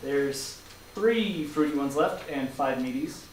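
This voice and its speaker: In a live staged play reading, a man voices a skeptical bakery regular who grumbles dryly, using a wry delivery. His voice is medium-pitched with lively intonation and a slow pace. The room sounds spacious, with a distant mic and faint noise.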